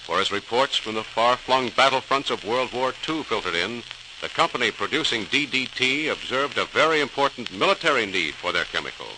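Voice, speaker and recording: A man with a mid-range voice announces a scripted 1940s radio programme, speaking a little fast and with animation in a formal, dramatic, declamatory style. The recording is a noisy old radio transcription.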